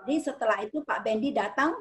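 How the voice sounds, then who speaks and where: A middle-aged motivational speaker from Medan, Indonesia, addresses an audience in a fairly high, fast voice. She is emphatic and repetitive, swinging between loud and quiet.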